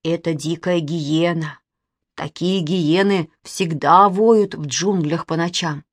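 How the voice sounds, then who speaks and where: A woman voicing a boastful boy who speaks in a slow, mock-ominous, self-important way. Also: fairly low pitch, no echo, studio quality. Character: boastful boy Kostya, playing the brave explorer.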